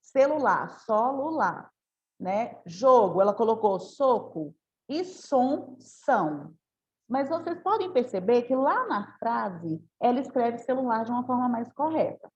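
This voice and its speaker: A woman's voice: a little high, sing-song, measured pace, darkish tone, highs cut off. A woman giving a teacher training talk, explaining step by step and often adding tag questions.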